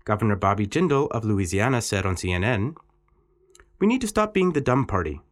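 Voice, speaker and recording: Lively man reading an exam text. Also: brisk. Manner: lively, expressive reading with pitch swings on quotes.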